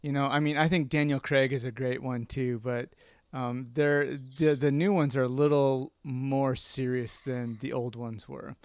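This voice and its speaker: A man's voice: mid-range voice, fairly even intonation, unhurried, clean tone, no room sound. A man chatting casually on a podcast, rambling and searching for words, often breaking into laughs. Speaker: podcast co-host. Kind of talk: casual chat.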